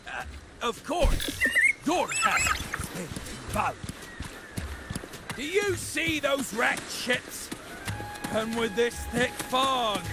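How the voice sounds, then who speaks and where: A man's voice: very high voice, full character voice. A man playing a pompous, self-important pirate captain in a video game, speaking in a grandiose way. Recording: loud music behind the voice.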